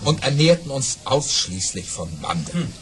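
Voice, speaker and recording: Wildly animated boastful storytelling baron. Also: male voice, mid-range voice, unhurried. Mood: matter-of-fact boasting. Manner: animated, theatrical, dramatic hushes and flourishes. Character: boastful aristocratic baron spinning outrageous tall tales. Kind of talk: radio play storytelling.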